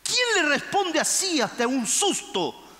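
A male pastor preaching a fervent sermon, shouting and acting out the quotes. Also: very high voice, big pitch swings, takes it slowly, in a large hall. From Argentina.

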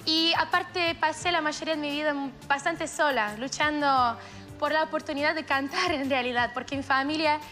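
A woman's voice: high voice, normal speed, sharp tone, soft background music. A young Russian woman with a Cordoba Argentine accent tinged with Russian, answering questions as a contestant on a singing show. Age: young adult. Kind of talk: answering coaches' questions on stage. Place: large TV studio stage.

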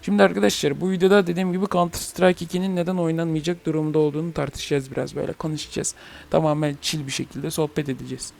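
A man's voice: a little high, level tone, very fast, creaky, darkish tone. A young man hosting a gaming channel, ranting heatedly and swearing in a casual chat about a game.

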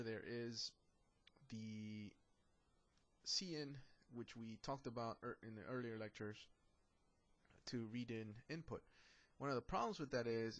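A man's voice: medium pitch, fairly bright tone. A man giving a casual programming lecture, joking now and then and talking through code as he writes it. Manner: casual, joking, talks while writing code. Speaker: programming instructor. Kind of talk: classroom lecture.

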